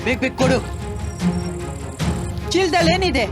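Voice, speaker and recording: An actor playing a robber who demands a bag and threatens to kill. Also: male voice, very high voice, expressive, a little slow, loud music behind the voice. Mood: threatening.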